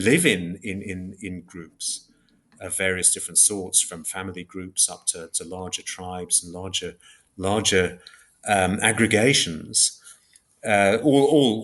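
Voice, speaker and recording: His voice low-pitched and fairly bright, a man speaks as an interview guest, laying out ideas with academic care and precision. He often circles back, repeating and reformulating phrases mid-thought.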